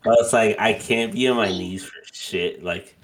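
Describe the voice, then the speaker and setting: Here a podcast co-host in his twenties rambles through a casual chat, leaning heavily on "like" as filler. He speaks at a normal pace with a fairly low pitch, and slight background noise can be heard.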